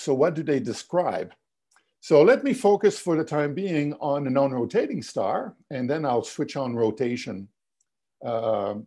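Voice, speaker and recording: An older male physics lecturer gives a webinar over slides from his home office, heard through a video call. His dark, husky, mid-range voice is giving out and he coughs, while his explanations are peppered with "you know" and restarts.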